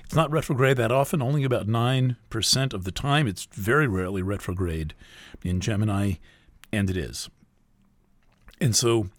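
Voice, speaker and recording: A man giving a spoken astrology forecast in a thoughtful, hesitant way, with many pauses and fillers. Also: on the low side, no room sound, clean studio sound. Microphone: close voice recording.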